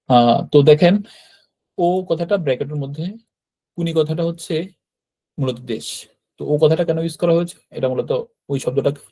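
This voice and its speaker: A man's voice: medium pitch, vocal fry, warm tone. A man from Bangladesh, teaching a Japanese vocabulary class and explaining each word in an explanatory manner, repeating terms and checking with his students. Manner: explanatory, repeats words, frequent fillers and "right?" checks.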